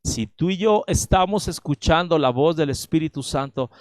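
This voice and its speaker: A man's voice: fairly high pitch, normal speed, dry recording. A man preaching a sermon in a Mexican accent, emphatic and speaking straight to his listeners. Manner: emphatic preaching, addresses listeners directly with frequent "¿verdad?". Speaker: pastor.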